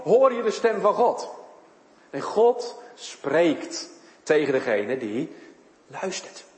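A man's voice: high voice, roomy sound, in a large hall. A man preaching a sermon in church, his voice rising and falling for emphasis. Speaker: pastor.

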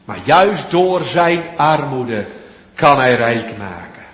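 A man preaching a sermon, swinging between loud, pleading appeals and hushed, almost whispered lines. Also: mid-range voice, big pitch swings, slow pace. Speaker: pastor. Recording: echoey church hall, long reverb.

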